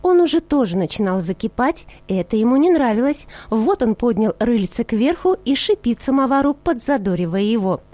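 A woman reading a fairy tale aloud as a storyteller, calm and expressive. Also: fairly high pitch, normal speed, hardly any pauses, no echo.

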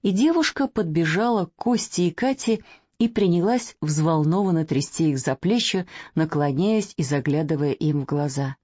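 A woman narrating a children's story in an animated, dramatic reading. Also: low voice, normal speed, slightly rough, no room sound. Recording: dry, slightly dull recording.

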